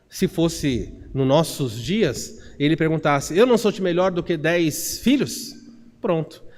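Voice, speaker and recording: Earnest Brazilian pastor in echoing church. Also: male voice, a little high, a little mellow. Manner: earnest, asks the congregation questions. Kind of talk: expository sermon. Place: church sanctuary. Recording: long church reverb.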